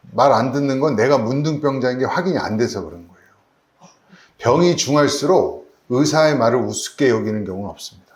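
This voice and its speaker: A male pastor delivers a sermon with an animated, swinging delivery, often throwing rhetorical questions at his congregation. His middle-pitched voice rings through a reverberant church sanctuary.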